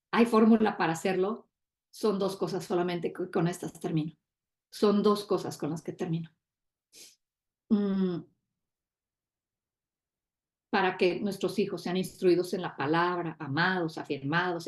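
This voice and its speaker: A woman's voice: on the low side, darkish tone. Earnest woman preaching in echoey hall. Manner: earnest, exclamatory, quotes others in asides. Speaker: guest speaker.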